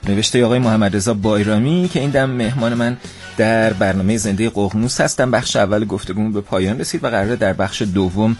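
A man's voice: lowish voice, soft background music. A man hosting a live radio interview, speaking politely and formally to his guest. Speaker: radio show host.

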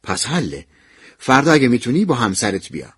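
A man with a husky voice playing a kindly older male professor who talks to his student in a soft, measured, fatherly way. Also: medium pitch, very animated, dry recording, clean studio sound, full character voice. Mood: gentle, probing. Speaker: university professor. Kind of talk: radio drama narration.

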